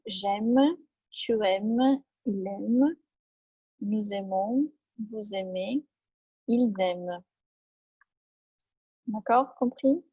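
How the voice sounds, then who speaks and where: Gravelly-voiced woman teaching French online. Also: mid-range voice, mellow, no room sound, poor audio. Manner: patient, repeats and checks understanding with tag questions. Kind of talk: online class, explaining conjugations.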